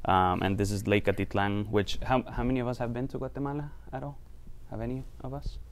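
A man's voice: mid-range voice, fairly even intonation, fairly quick, a little hiss or hum. A man from Costa Rica presenting his research to a small audience in a lecture room, loose and conversational with many fillers. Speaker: university researcher giving a talk.

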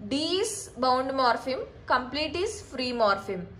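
A woman's voice: high-pitched, big pitch swings, takes it slowly, a bit bright, poor audio. A young woman, explaining exam notes in a casual lesson with examples and frequent restarts. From India. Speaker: tutor.

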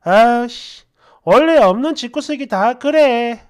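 A woman's voice: a little high, expressive, takes it slowly, a little mellow. A woman voicing a blunt, scornful young woman friend who mocks and insults harshly.

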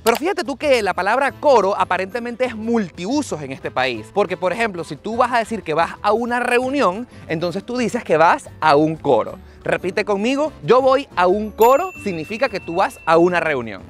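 A man's voice: high-pitched, very animated, normal speed, hardly any pauses, fairly bright tone, faint music behind. A man with a Venezuelan accent narrating a travel vlog, playfully teaching local phrases and asking the viewer to repeat after him. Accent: Venezuelan Spanish. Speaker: travel vlogger.

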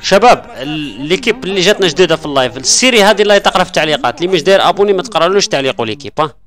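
A man with an Algerian Arabic accent hosting a game livestream, repeating phrases over and over and thanking viewers excitedly. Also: fairly high pitch, very fast, soft background music. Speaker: gaming livestream host. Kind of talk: live-stream game commentary, thanking viewers.

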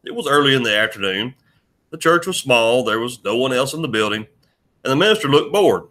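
Bright-voiced male audiobook narrator. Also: mid-range voice, expressive, a little fast. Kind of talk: first-person audiobook narration.

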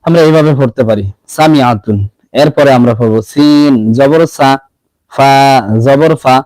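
Male Quran teacher, mid-pitched, slow deliberate syllable drills, dry close recording. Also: darkish tone, dry recording, low-quality recording. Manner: slow, drawn-out syllable-by-syllable spelling. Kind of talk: live-streamed spelling lesson.

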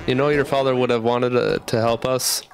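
A man's voice: medium pitch, steady tone, moderate pace, clean tone, lightly acted. A man voicing a hopeful, earnest small robot companion, reading game lines aloud in a raised voice.

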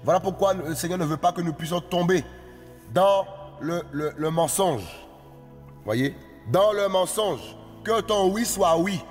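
A man's voice: sits high, measured pace, big-room sound, faint music behind. A man preaching a sermon, exhorting his listeners in a repetitive, singsong cadence.

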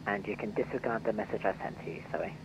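A man's voice: lowish voice, fast, creaky. A man working as an air traffic controller, giving clipped, businesslike instructions over an aviation radio. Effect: heard over an aviation radio. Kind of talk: radio phraseology. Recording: dull lo-fi radio audio.

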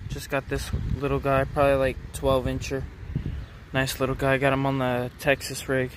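A young man casually vlogs his fishing catches at the edge of a city pond, talking to viewers into a handheld phone. His medium-pitched voice is completely flat and moderately paced. The background is noisy.

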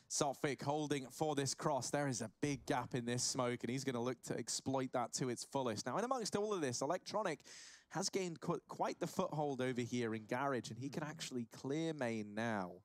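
A man doing rapid, excited play-by-play commentary on an esports match, rising in big moments. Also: mid-range voice, no echo.

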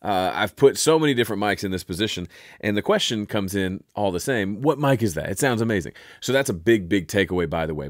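A man with a deep, resonant voice hosting an audio software tutorial in a relaxed, chatty way. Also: no room sound, clean studio sound. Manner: relaxed, chatty, self-interrupting. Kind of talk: casual spoken tutorial.

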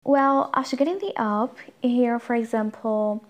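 A woman's voice: fairly high pitch, fairly even intonation, unhurried, background noise. A woman hosting a tutorial channel, explaining an app fix step by step as she taps through it. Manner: plain instructional, talks through each tap. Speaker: tutorial host.

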